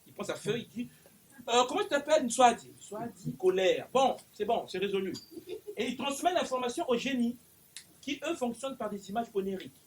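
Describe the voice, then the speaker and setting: A man giving a spiritual lecture at a conference, animated, acting out little dialogues and repeating himself. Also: very high voice, a little fast. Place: conference in Paris.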